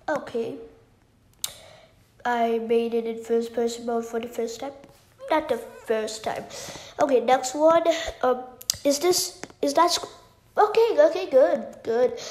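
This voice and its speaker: A young girl of about nine giving bubbly, excited commentary while playing a game, exclaiming and gasping often. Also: high-pitched, echoey room. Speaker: gaming YouTuber.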